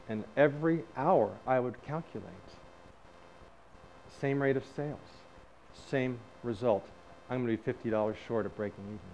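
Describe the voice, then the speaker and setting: A middle-aged man telling a personal story in a talk, lively, acting out the dialogue. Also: medium pitch. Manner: lively storyteller who acts out quoted dialogue. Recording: slightly dull recording with faint background noise.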